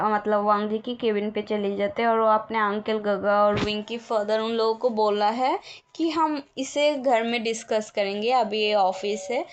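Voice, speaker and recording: A woman's voice: medium pitch, a little mellow, highs cut off. A young woman casually retelling a fan fiction story in a chatty way with many fillers. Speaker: story narrator.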